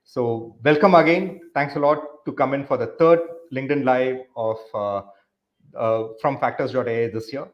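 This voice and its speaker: A man in his thirties hosts a live business interview at an even middle pitch. He rambles through his points, leaning on fillers and restarts as he goes. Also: normal speed, lo-fi sound. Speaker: podcast host.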